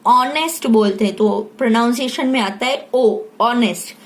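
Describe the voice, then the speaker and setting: A woman teacher with an Indian English accent, who talks slowly and spells out letters and asks questions as she walks through a beginner English lesson. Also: on the high side, steady tone, darkish tone. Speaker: primary school English teacher. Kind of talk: slow classroom lesson.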